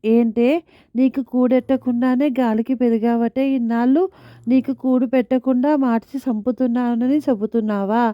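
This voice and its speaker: A woman voicing a harsh, quick-tempered poor village mother who scolds in coarse village speech. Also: on the high side, steady tone, dry recording, dull audio, lightly acted. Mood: angry scolding.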